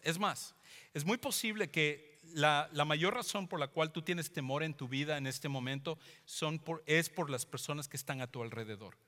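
A male pastor delivers a sermon with an emphatic manner. He repeats key phrases and slows down to stress them. His voice sits a little high and sounds bright and sharp, and a long hall reverb trails behind him. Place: church hall. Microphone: handheld or stand microphone.

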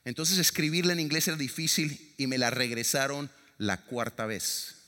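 Middle-aged preacher, bright and forceful, dramatic storytelling, reverberant church hall. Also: male voice, medium pitch, moderate pace. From Latin America. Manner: lively, dramatic storyteller with sound effects and jokes. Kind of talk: sermon with storytelling. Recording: long reverb of a large hall.

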